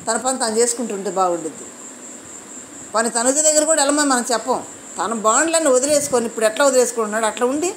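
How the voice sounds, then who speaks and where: Woman reviewer, high voice, indignant, rhetorical; crickets faint behind. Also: a little hiss or hum, rough recording. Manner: indignant, fires off rhetorical questions. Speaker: reality show reviewer. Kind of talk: opinionated show review.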